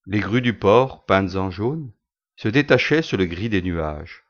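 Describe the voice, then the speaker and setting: Man narrating a story in a low voice. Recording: dull lo-fi recording.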